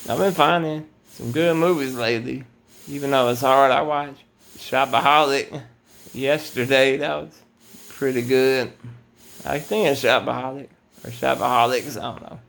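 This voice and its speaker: A man's voice: mid-range voice, gravelly, fairly bright tone. A man talking in a casual, rambling late-night monologue to his viewers, laid-back and often saying "man". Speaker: vlogger. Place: at home at night.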